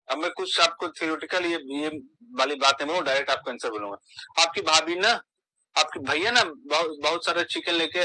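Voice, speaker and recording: Bright-voiced Bihari man teaching by puns. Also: on the high side, no room sound, low-quality recording. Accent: Bihari Hindi. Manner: playful, punning, repeats words for emphasis. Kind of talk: mnemonic lesson with wordplay.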